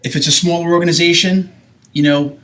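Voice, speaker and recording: A man's voice: fairly high pitch, fairly even intonation, a little fast, a bit bright. A man in his forties hosting a podcast, talking casually and rambling a little as he asks questions. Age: 40s. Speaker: podcast host. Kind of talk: casual chat.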